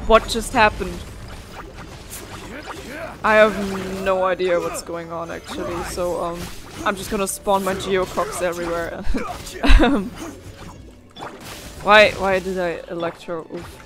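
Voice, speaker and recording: A woman's voice: on the low side, steady tone, measured pace, pauses often, over music. A young woman giving casual, reactive let's play commentary in a rambling way. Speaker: gaming let's player.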